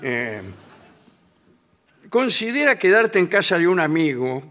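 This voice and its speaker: A man with a Rioplatense Spanish accent hosting a comedy radio show, reading advice aloud and riffing on it with a meandering, deadpan delivery. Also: high-pitched, slow. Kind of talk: comic radio banter.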